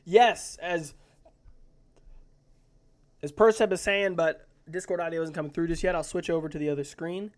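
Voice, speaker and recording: An esports caster giving live play-by-play commentary on a mobile battle royale tournament, breaking into excited exclamations. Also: medium pitch, moderate pace, pauses often.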